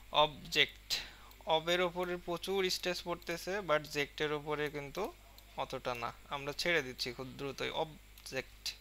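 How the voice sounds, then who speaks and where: A man with a Bengali accent teaching an English lesson, reading English lines slowly and then explaining them in Bengali with many fillers. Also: a little high, sharp tone, slight background noise.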